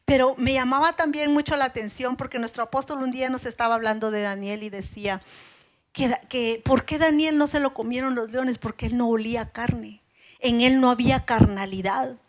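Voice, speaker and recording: High-voiced woman preaching a sermon. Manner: earnest, slows down to stress scripture quotes. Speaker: preacher at a women's service.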